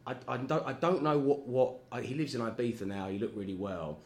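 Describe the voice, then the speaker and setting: A man's voice: medium pitch, animated, a little fast. A man in casual chat as a guest, rambling and self-deprecating, often laughing at himself. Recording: echoey room with faint ambience.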